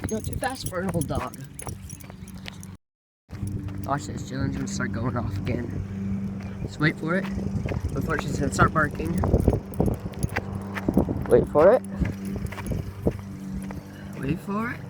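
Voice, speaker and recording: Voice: lively intonation, normal speed, pauses often. Nagranie telefonem na zewnątrz, z wyraźnym szumem tła i krokami. Osoba prowadząca vloga spaceruje ze starym psem, mówi do niego pieszczotliwie, śpiewnie i z dużą zmiennością wysokości głosu. Chwilami brzmi na zadyszaną. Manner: coos at the dog in a high singsong voice. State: out of breath from walking. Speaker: vlogger walking an old dog. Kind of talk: casual narration to camera and baby talk to a dog. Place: outdoors on a neighborhood street in cold weather. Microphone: phone camera held while walking.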